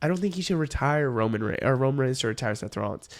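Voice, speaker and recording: A man's voice: mid-range voice, expressive, fast talker. Young man, sick voice, casual vlog host, rambling, hedging, self-correcting. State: sick, voice sounds off. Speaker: wrestling video host.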